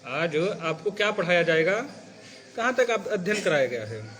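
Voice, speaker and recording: A man's voice: high voice, very animated, moderate pace, fairly bright tone. A man teaching a class how to recite sacred stories, explaining patiently and often checking that his students follow. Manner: patient, checks understanding with repeated questions; demonstrates phrasing by reciting example lines. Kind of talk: classroom lecture.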